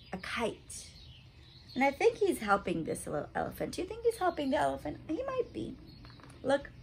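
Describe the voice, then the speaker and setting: This woman's voice is on the high side, with slight background noise behind it. She's in her thirties, hosting story time for young children indoors in a small room at home, speaking expressively and plainly as if right to a child and asking questions.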